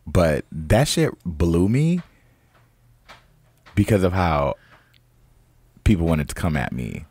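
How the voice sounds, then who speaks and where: A young adult man from Chicago co-hosting a podcast in casual chat, telling stories with animation and leaping into a high voice when acting out quotes. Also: very animated, slow pace, pauses often, a little mellow, slightly rough, no echo. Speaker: podcast co-host.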